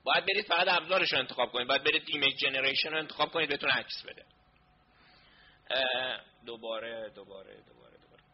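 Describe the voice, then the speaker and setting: A man's voice: a little high, lo-fi sound, slight background noise. A man presenting a live online class, flustered as he sorts out connection and sound problems aloud. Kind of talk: casual talk during a live online session.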